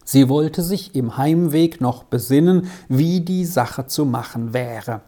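A narrator reading a children's story aloud in a calm, measured way. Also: medium pitch. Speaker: audiobook narrator.

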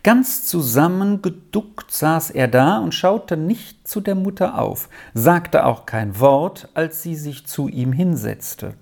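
A narrator reading an old-fashioned children's story aloud in an expressive way. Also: medium pitch, gravelly. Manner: expressive, unhurried.

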